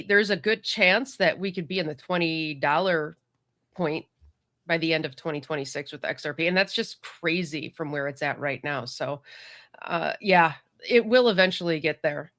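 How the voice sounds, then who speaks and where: Bright-voiced woman guest chatting. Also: on the low side. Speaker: guest psychic. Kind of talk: casual live chat.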